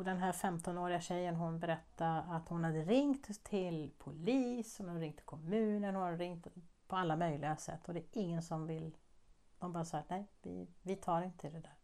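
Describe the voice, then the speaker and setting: Chatty woman with a lowish voice. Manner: chatty, rambling, musing aloud with soft laughs. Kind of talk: casual vlog chat. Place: living abroad in a warm place.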